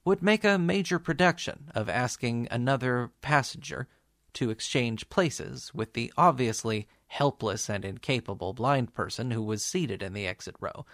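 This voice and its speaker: A man narrates a documentary from a script. His voice sits at an average pitch and is captured dry, with no room sound. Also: moderate pace, fairly bright tone, no room sound.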